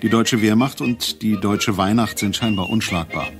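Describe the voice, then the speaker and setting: Male narrator, scripted history documentary read, fairly low, music underneath. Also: moderate pace.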